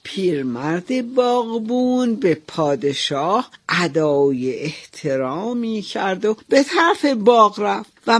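A woman narrating a folk tale in a slow, deliberate storytelling voice. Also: mid-range voice.

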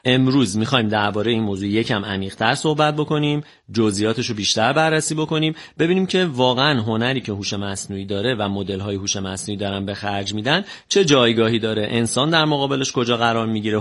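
A man's voice: mid-range voice, animated, fairly bright tone. A man presenting a radio show as its host, explaining things in a conversational way.

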